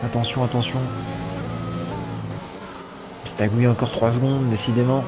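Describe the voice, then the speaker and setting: A man's voice: medium pitch, level tone, unhurried. Male race commentator, mid-range voice, live motorsport calls with casual asides, music and engines underneath. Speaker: esports sim racing commentator.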